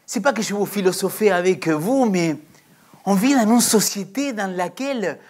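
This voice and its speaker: Woman, preacher, sermon, reflective, questioning, drawn-out phrasing. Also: medium pitch.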